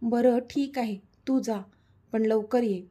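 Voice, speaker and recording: Woman doing a cold bossy man giving short orders, husky dark voice, audio story. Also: on the high side, fairly even intonation, slow pace. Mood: curt. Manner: curt and bossy. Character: cold male boss, curt and uncaring.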